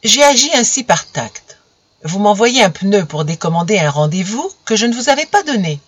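A man's voice: high voice, expressive, moderate pace, a bit bright, dry recording. A narrator voicing a young male politician who answers with glib, teasing composure in an audiobook. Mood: mocking. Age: young adult. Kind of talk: audiobook character voice.

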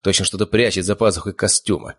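Мужчина читает аудиокнигу от первого лица, жёстко и отрывисто озвучивая и реплики героев. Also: male voice, low-pitched, fairly even intonation, fast talker. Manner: hard, curt first-person storytelling. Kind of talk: audiobook narration with character voices.

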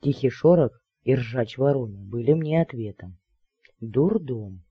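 A man narrating an audiobook in the first person, in a soft, dry reading voice. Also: mid-range voice, lively intonation, moderate pace, breathy edge, lo-fi sound.

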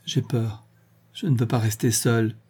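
A man's voice: mid-range voice, steady tone, normal speed, warm tone, breathy edge, lightly acted. A man reading an audiobook and voicing a frightened Breton housekeeper who pleads and fears the cursed island. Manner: fearful, pleading, superstitious.

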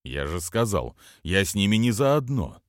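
A man's voice: fairly low pitch, sing-song, measured pace, no room sound. A male reader voicing a stiff, somewhat prim, worried middle-aged father in a dry audiobook recording. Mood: curt. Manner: slightly prim, terse.

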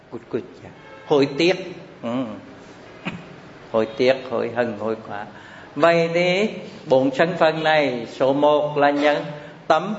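Slow man lecturing in an echoey hall. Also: a little high. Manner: slow, repeats terms and asks rhetorical questions. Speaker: Buddhist Abhidhamma teacher. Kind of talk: classroom Dharma lecture. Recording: echoey hall, slightly dull with faint hiss.

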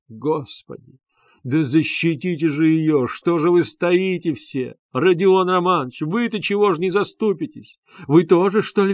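A man reading an audiobook voices a desperate consumptive widow, shouting hoarsely in a raised voice. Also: on the high side, dry recording, clean studio sound, pitched above the performer's own voice, natural voice.

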